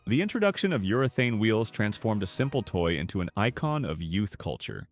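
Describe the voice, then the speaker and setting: Over background music, a man with a fairly low voice narrates a scripted documentary. His pitch swings widely, but the delivery remains measured and polished, like well-practiced storytelling.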